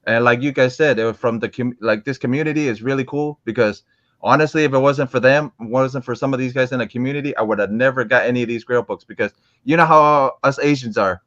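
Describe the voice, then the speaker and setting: A man's voice: medium pitch, fast talker, fairly bright tone, muffled recording. A young adult man from Florida, a guest in a casual interview, talking in a rambling way full of restarts and fillers. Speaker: interviewed guest, comic collector.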